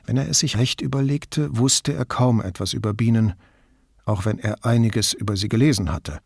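A man narrating an audiobook in a calm, measured, even reading voice. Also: lowish voice, vocal fry, breathy edge, no echo, clean studio sound. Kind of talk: scripted narration.

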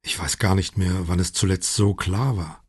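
A man voicing a quiet, reserved middle-aged father who speaks softly. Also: low-pitched, fairly even intonation, normal speed, husky, dry recording, clean studio sound.

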